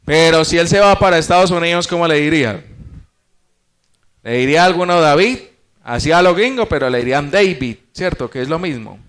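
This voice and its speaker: A man's voice: a little high, expressive, a little fast, a bit bright, clear, resonant tone. A man teaching a church Bible study class, explaining step by step, posing rhetorical questions and addressing the congregation as brothers.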